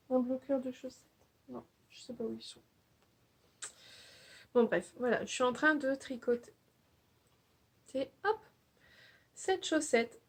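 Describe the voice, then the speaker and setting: A woman's voice: a little high, a little mellow, slightly rough. A young woman hosting a knitting podcast, chatting casually and hesitantly, with many fillers and restarts. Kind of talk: casual show-and-tell chat.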